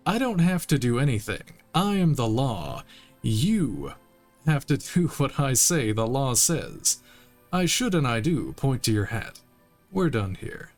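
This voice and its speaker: A man's voice: medium pitch, sing-song, a little slow, soft background music. A man streaming a game playthrough, reading the dialogue aloud in a playful, laughing, mock-indignant way.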